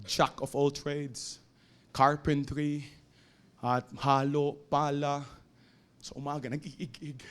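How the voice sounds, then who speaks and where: A man with a Filipino accent preaching a sermon in a church, swinging between shouted exhortation and low, quiet storytelling. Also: flat delivery, slow, long pauses, clear, resonant tone. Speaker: pastor. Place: church sanctuary.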